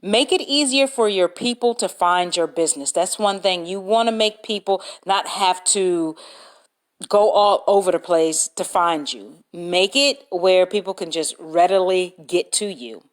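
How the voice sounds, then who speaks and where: A woman hosting a solo podcast, reading out business tips and spelling out words as she goes. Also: lowish voice. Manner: slow, deliberate, reads points aloud and spells words out. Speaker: podcast host.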